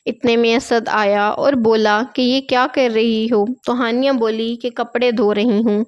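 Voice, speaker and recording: A woman reads a long tale aloud, her voice smooth and clear and set a touch above the usual pitch. She keeps a steady, gentle reading pace and folds the characters' lines into her own narration. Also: dull audio. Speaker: storyteller. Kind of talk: storybook narration.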